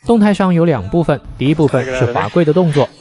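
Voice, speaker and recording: Brisk lively male recap narrator. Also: a little high, crowd noise. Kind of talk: scripted voice-over recap.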